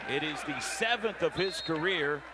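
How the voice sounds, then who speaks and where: Over loud stadium noise, an American man calls a football game live on the radio. His fairly high voice is animated at a moderate pace, delivering clipped running descriptions that build to shouts on big plays.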